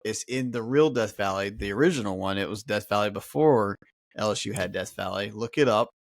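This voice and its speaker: A man's voice: on the low side, a little fast. A man co-hosting a sports podcast, chatting casually with joking asides and lots of fillers. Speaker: podcast co-host.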